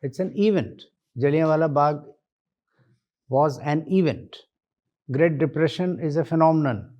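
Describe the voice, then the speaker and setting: A man with an Indian accent questioning as an interview panellist in a deliberate, wry, correcting way. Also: on the high side, highs cut off.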